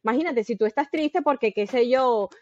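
A woman's voice: a little high, moderate pace, darkish tone, slight background noise. A woman, a podcast guest earnestly explaining parenting through long anecdotes. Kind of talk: casual podcast conversation. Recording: dull, dry sound.

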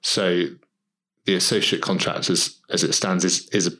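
A dental associate co-hosts a casual podcast discussion, his low, steady voice bright and forceful at a moderate pace. He speaks thoughtfully and frequently restarts his sentences, and the recording is rough.

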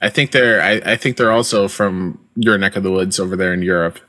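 Upbeat dude hosting a casual podcast, bright voice, laughs a lot. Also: male voice, sits low, steady tone, fairly quick. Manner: chatty, upbeat, laughs easily. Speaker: podcast host.

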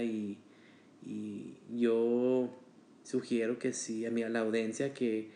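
Casual male podcast guest, rambling with fillers, medium pitch, roomy echo. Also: a little mellow, slight background noise. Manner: chatty, hesitant with fillers and restarts.

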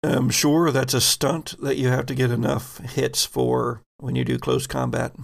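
A game master voices his tabletop RPG narration with a level tone and a gravelly creak at medium pitch. His pace is slow, and he assembles each description piece by halting piece.

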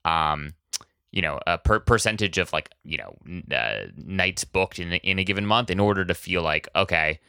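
A man's voice: low-pitched, lively intonation, moderate pace, creaky, pushed and bright, clear, resonant tone, dry recording, studio quality. A man hosting a podcast in a casual interview, asking long rambling questions packed with filler words. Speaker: podcast host.

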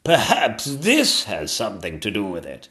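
A man voicing a greedy, fussy old king who speaks pompously and slowly. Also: fairly low pitch, wildly swooping pitch, pushed and bright, full character voice.

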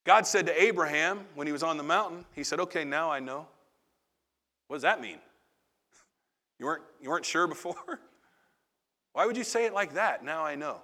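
A man's voice: fairly high pitch, animated, moderate pace, pauses often, pushed and bright. A man preaching a sermon in a conversational, confessional way, with asides to the congregation. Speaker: pastor.

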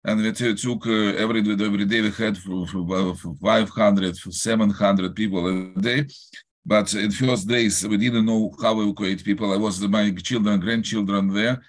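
Older rabbi, Russian accent, low-pitched and hesitant, restarts often while answering an interviewer. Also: male voice, steady tone. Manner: halting, searching for words, many restarts.

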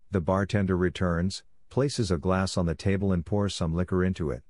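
A man with a very low voice reading screenplay scene directions aloud. He reads evenly and matter-of-factly. The sound is dry and close to the mic. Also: dry recording. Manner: even, matter-of-fact reading. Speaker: narrator. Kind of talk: scripted narration of screenplay directions.

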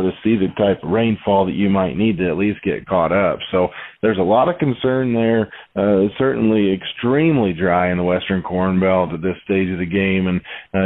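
A man speaking over the phone as a market analyst guest in a casual interview, rambling with plenty of "you know" and "uh". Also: low-pitched. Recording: tinny phone line.

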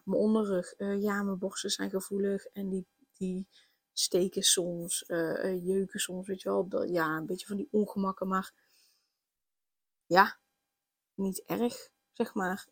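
A woman's voice: medium pitch, darkish tone, no echo. A pregnant young woman, hosting a casual solo podcast, rambling with many fillers and restarts. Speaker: podcast host.

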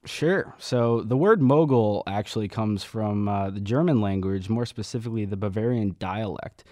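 A man's voice: lowish voice, moderate pace, a little mellow, no echo. A young man working as a radio intern, sharing trivia in a loose, hesitant way from the studio. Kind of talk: casual radio chat.

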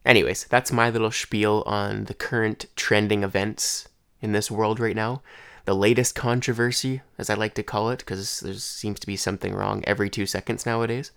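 A man's voice: lowish voice, vocal fry, fairly bright tone, clean tone, no room sound, studio quality. A young man with a congested throat and head, hosting a casual solo podcast in a rambling, conversational way. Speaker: podcast host.

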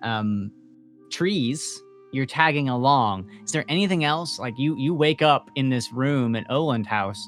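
A man's voice: medium pitch, animated, unhurried, faint music behind. A man running a tabletop game as game master, narrating casually with many fillers and restarts.

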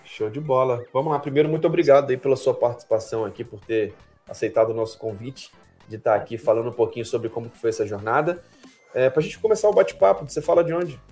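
A man's voice: mid-range voice, fast talker, dark tone. Man, podcast host, upbeat casual interviewer, faint music bed. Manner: upbeat, with frequent "que legal" and "show de bola".

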